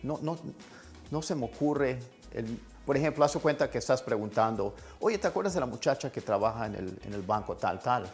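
Friendly-teacher read: man, mid pitch, drills phrases slowly, soft music under. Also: expressive. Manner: repeats phrases slowly for practice. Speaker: English teacher. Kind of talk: casual language lesson.

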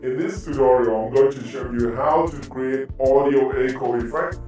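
A man greeting viewers at the start of a video tutorial, his voice run through a pitched-down robotic digital effect. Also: steady tone, moderate pace, dark tone, soft background music. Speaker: video editing tutorial host. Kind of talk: scripted channel intro.

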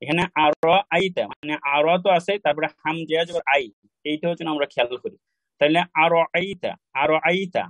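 Male recitation teacher, somewhat high voice, patient and repetitive, dry close sound. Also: no room sound, rough recording. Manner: patient, repeats pronunciations slowly for learners. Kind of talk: online class instruction.

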